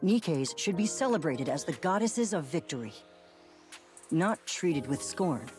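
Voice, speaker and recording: An actor playing a composed, formal corporate representative whose voice comes through a robotic voice changer, speaking in a measured, persuasive way in a video game. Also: male voice, a little high, big pitch swings, soft background music. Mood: measured, earnest.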